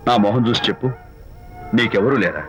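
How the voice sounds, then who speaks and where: A playful, charming young hero. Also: male voice, lowish voice, animated, fairly quick, fairly bright tone. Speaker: lead hero. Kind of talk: Telugu film acting. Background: film score music.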